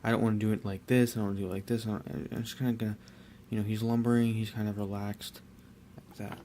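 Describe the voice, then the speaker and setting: A young man casually talking through his hobby work, rambling and relaxed with many fillers and restarts. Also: lowish voice, quick pace, a little hiss or hum. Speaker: miniature painter.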